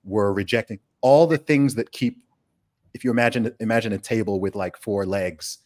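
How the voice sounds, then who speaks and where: Animated man hosting a podcast. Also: fairly low pitch, normal speed. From UK, raised in Saudi Arabia. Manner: animated, emphatic, rhetorical questions, frequent restarts. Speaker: podcast host. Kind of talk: casual conversational podcast.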